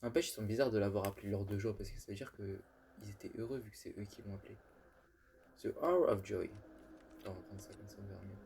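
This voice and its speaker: A man's voice: on the low side, fairly even intonation, racing, mellow, a little hiss or hum. A young man casually commenting on a game he is playing, joking and chatty with many fillers and restarts. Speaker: gaming youtuber. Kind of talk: casual let's-play commentary.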